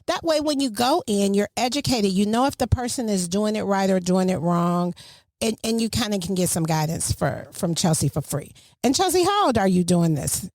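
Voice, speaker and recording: In clean studio sound with no echo, a middle-aged podcast host offers parents advice in a chatty, motherly tone, slipping in preachy asides. She speaks at normal speed with an animated, mid-range voice that is slightly mellow.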